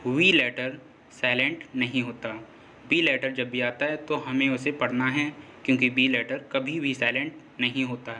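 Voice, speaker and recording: A man teaching a lesson, slowly and patiently explaining rules and repeating them. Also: mid-range voice, fairly even intonation, pushed and bright, a little hiss or hum. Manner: slow, repetitive, patient explaining. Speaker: English teacher.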